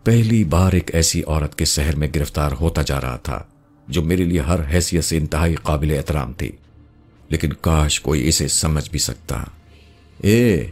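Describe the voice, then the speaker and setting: A man narrating a novel in the first person in a measured, brooding way, with faint music behind. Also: rumbling low, a little mellow.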